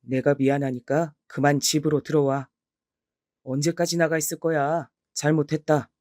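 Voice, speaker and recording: A woman's voice: deep voice, little pitch movement, moderate pace, darkish tone, no room sound, studio quality, pitched below the performer's own voice, natural voice. A woman voicing a stubborn, dismissive middle-aged husband who answers in short, curt lines, in a storybook reading.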